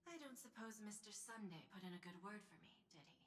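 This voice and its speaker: A woman voicing a sly, patient businesswoman in a game, speaking soft and breathy. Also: mid-range voice, animated, quick pace, lightly acted.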